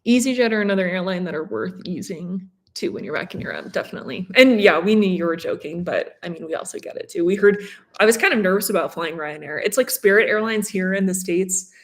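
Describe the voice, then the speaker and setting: A woman's voice: on the low side, expressive, quick pace, few pauses. A woman in her twenties from Colorado chatting casually on a livestream with her partner, reading and answering viewer questions. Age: 20s. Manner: chatty, fillers and restarts, reads viewer comments. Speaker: vlogger co-host.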